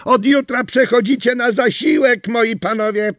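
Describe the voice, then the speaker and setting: A man voicing a shrill middle-aged woman shouting angrily down from her balcony in a storybook reading. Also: normal speed, no echo, studio quality. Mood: shouting threats. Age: 40s.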